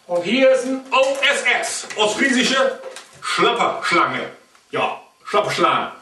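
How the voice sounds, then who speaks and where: A man's voice: extremely high pitch, pushed and bright. Playful East Frisian man telling a comic tale. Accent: East Frisian German. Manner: playful, chuckling, swoops up and down. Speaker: comedian. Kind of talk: comic storytelling. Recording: echoey room, mic at a distance.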